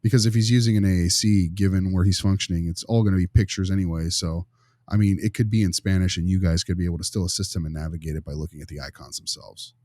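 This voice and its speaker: This podcast panelist, a behavior specialist, talks casually and colloquially in a wry, wordy style during a discussion with case role-play. His low, dark voice moves quickly with fairly even intonation, captured in a dry, clean studio recording.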